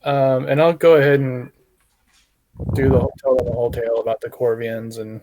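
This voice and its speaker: Casual male tabletop player, mid-pitched. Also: level tone, a little fast, background noise. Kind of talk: casual in-character table talk.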